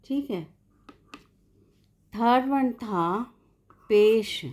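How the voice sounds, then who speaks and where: A woman language teacher gives a slow spoken lesson, patiently working through words one at a time and explaining what each means. Her voice is on the high side and a little mellow, and she speaks very slowly.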